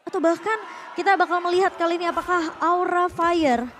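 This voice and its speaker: A woman's voice: very high-pitched, fairly even intonation, brisk, a bit bright, slight background noise. A woman with an Indonesian accent giving live analysis as an esports co-commentator.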